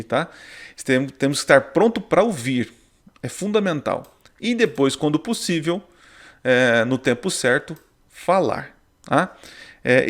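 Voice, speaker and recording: A married man with a Brazilian Portuguese accent teaching a casual online Bible study, often tagging his sentences with "né?" and "tá?". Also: a little high. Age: adult, married. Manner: chatty, peppers speech with "né?" and "tá?". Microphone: sharing screen on a video call.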